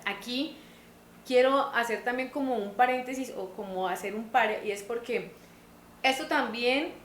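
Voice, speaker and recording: Woman, higher voice, patient lecturing tone, echoey room. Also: slight background noise. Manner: patient, repeats points in simpler words. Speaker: teacher trainer. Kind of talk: explanatory lecture.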